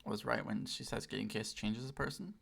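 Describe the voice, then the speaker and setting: Creaky-voiced young man streaming in customer service voice. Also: fairly low pitch, fairly bright tone. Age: late twenties. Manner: customer service voice, deliberately lifted; sweary, self-deprecating. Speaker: game streamer. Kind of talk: casual livestream chat while playing.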